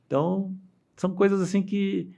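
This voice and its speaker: In a casual storytelling interview, a middle-aged dam engineer from Brazil speaks with a Brazilian Portuguese accent. His voice sits high and sounds creaky and mellow, with flat delivery, though he acts out quoted voices amid many restarts and fillers.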